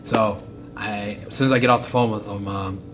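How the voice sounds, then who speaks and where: Low-voiced man telling a rambling story. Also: brisk, background noise. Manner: rambling, filler-heavy, animated. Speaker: podcast guest, fighter. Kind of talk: casual storytelling.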